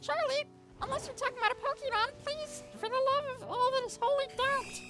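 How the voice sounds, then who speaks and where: A male livestreamer talking through a helium-pitched voice effect, chatting and reading out chat. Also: a little fast, over music. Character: squeaky helium-voiced version of the streamer.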